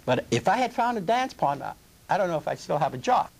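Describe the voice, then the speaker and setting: A man telling a lively anecdote in a documentary interview. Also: high-pitched, fast talker, creaky, rough recording.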